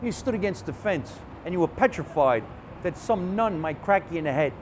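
Chatty New comedian, fairly high voice. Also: male voice, brisk, background noise. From Jersey City, New Jersey. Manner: animated, chatty storyteller with frequent restarts. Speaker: comedian, guest. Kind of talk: casual storytelling interview.

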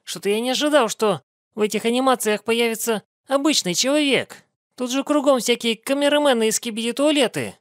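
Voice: mid-range voice, a little fast, dry recording, clean studio sound. A reaction show host giving casual, colloquial commentary in an incredulous manner. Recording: cartoon music behind the voice.

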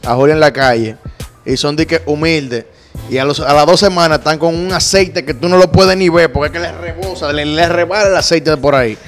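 A man's voice: fairly high pitch, fairly quick, soft background music. Dominican man hosting, teasing slangy talk. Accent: Dominican Spanish. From Dominican Republic. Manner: teasing, talkative, street slang. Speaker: interview show host. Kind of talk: casual interview. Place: lounge bar set indoors. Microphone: handheld mic.

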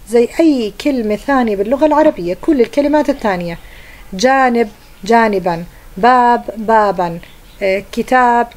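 A woman's voice: medium pitch, darkish tone. A young woman teacher, patiently explaining a grammar lesson to pupils and often checking that they follow.

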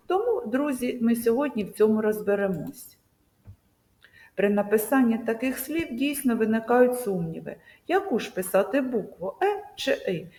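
A woman teacher giving a video lesson to children, speaking slowly and emphatically and drawing out example words. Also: a little high, darkish tone. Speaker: primary school teacher. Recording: echoey room with long reverb.

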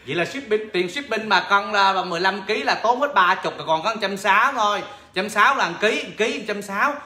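A man hosting a lively sales livestream, playful and laughing often as he teases callers. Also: high-pitched, brisk, roomy sound. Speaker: livestream seller and host. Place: home, in Chicago.

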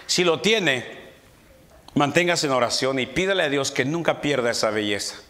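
A middle-aged man preaching a sermon in church, rising to shouts and peppering his talk with amens. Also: mid-range voice, lively intonation, moderate pace. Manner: mimics quarrelling voices in his anecdotes. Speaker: pastor. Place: church sanctuary.

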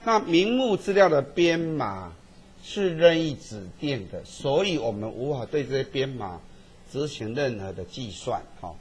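A man's voice: mid-range voice, very animated, unhurried, husky. A man teaching a statistics class, tagging his sentences with little checks to the students. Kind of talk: classroom lecture.

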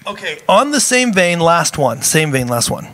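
A man's voice: a little high, sing-song, normal speed, a crowd in the background. A man co-hosting a talk show, playfully reading out trivia questions and repeating them with laughs. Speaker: co-host. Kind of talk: casual chat, quiz questions.

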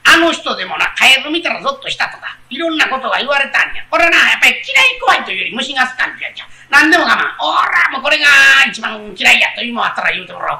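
A man with a Kansai accent telling a comic story on stage, animated and switching quickly between characters. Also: very high-pitched, vocal fry, echoey room, low-quality recording. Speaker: rakugo storyteller. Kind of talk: comic storytelling, playing every part.

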